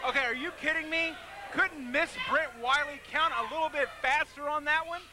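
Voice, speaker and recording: A man's voice: very high voice, normal speed. A man doing color commentary at a live wrestling event, argumentative and openly partisan.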